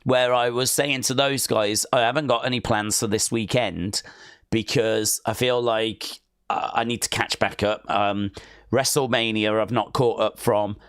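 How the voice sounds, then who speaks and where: Speaking a little slowly in a steady, fairly low voice that is clear, resonant, and slightly bright, this podcast co-host chats casually about wrestling. He sounds hesitant, often trailing off with "I don't know." The studio sound is clean, with no room sound.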